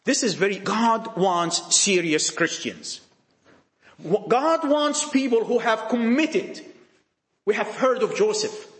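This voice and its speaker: In an echoey church, a male preacher with a high voice lets his pitch swing widely as he hammers his points home to the young people before him. Emphatic and expressive yet slow, he fires off rhetorical questions, repeats phrases, and breaks off mid-sentence to begin again.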